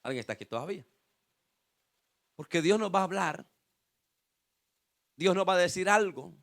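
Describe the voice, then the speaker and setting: A male pastor preaches in a high, bright-edged voice. He builds with repeated phrases and rhetorical questions, punctuated by calls of "aleluya.". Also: expressive, moderate pace, creaky. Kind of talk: sermon.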